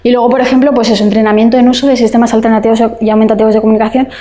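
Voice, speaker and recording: A woman's voice: on the high side, flat delivery, very fast, mellow, slight background noise. A woman speech therapist giving an online lecture, explaining step by step with fillers and frequent checks with her listeners.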